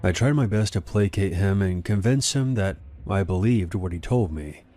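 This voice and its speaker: Deep-voiced man narrating horror stories. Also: animated, moderate pace, mellow. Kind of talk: scripted first-person narration.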